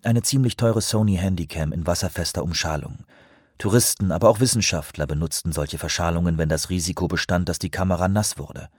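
A man reading a novel aloud in a steady, measured narration. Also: low voice, no room sound, clean studio sound. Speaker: audiobook narrator.

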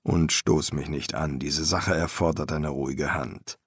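A deep, slow, weary old master embalmer with dry, patient, deadpan answers, as a male reader plays him. The voice sinks low and drawls along. It sounds flat and unbothered. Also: slightly rough, dry recording, full character voice.

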